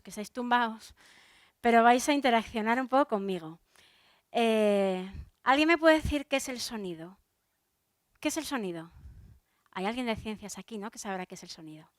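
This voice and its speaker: Chatty Spanish soprano on stage. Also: female voice, on the high side, no room sound, studio quality. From Spain. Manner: chatty, addresses the audience directly, many fillers and restarts. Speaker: soprano giving a public talk. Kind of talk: lively public talk to a live audience.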